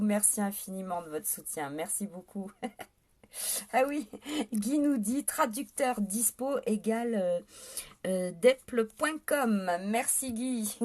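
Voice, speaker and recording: Hesitant French woman live-streaming, mellow voice. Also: fairly high pitch. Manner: hesitant, many fillers, indignant at trolls. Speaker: livestream host. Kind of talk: casual live-stream talk to viewers.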